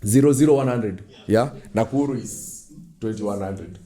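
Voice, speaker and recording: Playful Kenyan podcast host, mellow voice. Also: male voice, lowish voice, normal speed. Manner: playful, laughing, sing-song intros. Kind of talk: casual chat mixing Swahili and English.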